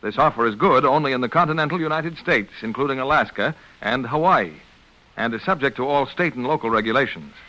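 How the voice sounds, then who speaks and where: A man working as a radio announcer, with a clear, formal announcer delivery, heard as an old radio broadcast. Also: medium pitch, brisk, bright, forceful tone, rough recording. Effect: old radio broadcast sound.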